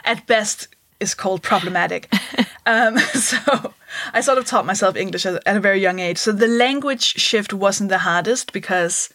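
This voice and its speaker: A woman's voice: mid-range voice, moderate pace, a bit bright, dry recording, studio quality. A Danish-born comedian in her thirties, chatting candidly in an interview, laughing often and putting on voices to make a point. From Denmark. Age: 30s. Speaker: comedian guest. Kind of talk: casual interview chat.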